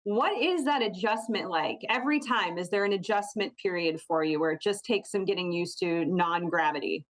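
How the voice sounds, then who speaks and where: A woman's voice: on the low side, moderate pace. American woman interviewing for local TV news. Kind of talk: conversational broadcast interview.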